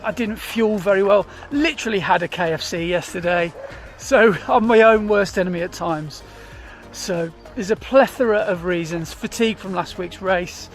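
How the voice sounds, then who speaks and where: Faint music plays behind a British man narrating a casual vlog on the run. Worn out and a little dizzy, he talks candidly and pokes fun at himself in a high-pitched voice at normal speed.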